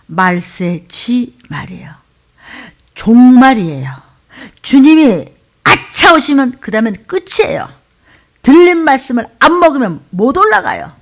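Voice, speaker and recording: A woman pastor preaching an impassioned sermon in a church, swinging between loud cries and hushed asides. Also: on the high side. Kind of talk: impassioned Friday night sermon.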